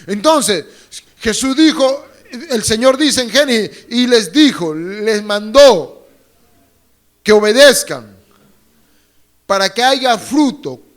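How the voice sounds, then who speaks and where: The voice is high and expressive, slow, with frequent pauses, belonging to a pastor addressing his congregation in church. He preaches passionately, leads call-and-repeat phrases, and adds joking remarks.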